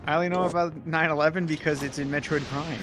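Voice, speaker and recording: A man's voice: on the high side, steady tone, quick pace. A man chatting on a game stream, joking with mock-dramatic asides. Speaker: stream co-host. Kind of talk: casual gameplay chat.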